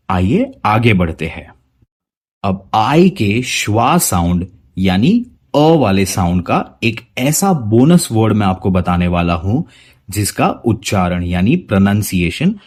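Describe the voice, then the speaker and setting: Slow, husky man teaching pronunciation. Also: fairly low pitch, big pitch swings, a little mellow. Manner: slow, deliberate, repeats words to model pronunciation. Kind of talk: spoken English lesson in Hindi.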